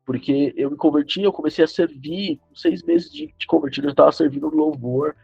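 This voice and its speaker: A man with a Brazilian Portuguese accent, a podcast guest speaking in a measured, reflective way. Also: a little high, vocal fry, a little mellow, husky, dry recording, faint music behind. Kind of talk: casual podcast chat. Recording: dull lo-fi sound.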